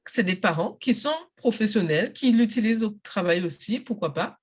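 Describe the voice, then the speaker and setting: A woman's voice: medium pitch, moderate pace, breathy edge. Self-assured woman, native English speaker. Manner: energetic, emphatic, self-assured. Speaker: interview guest, English coach. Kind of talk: casual interview talk.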